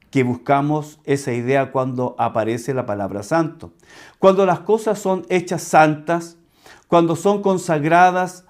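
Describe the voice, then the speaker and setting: Male pastor from Chile, sermon, emphatic repetition, voice a bit high. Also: a little mellow. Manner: slow, emphatic teaching with repeated key words.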